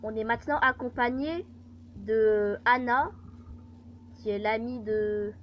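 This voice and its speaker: Woman, gaming host, slow hesitant delivery, slightly high voice, dull lo-fi mic. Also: steady tone, slight background noise. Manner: reads game text aloud slowly, hesitant fillers. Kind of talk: casual gameplay commentary. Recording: muffled lo-fi recording.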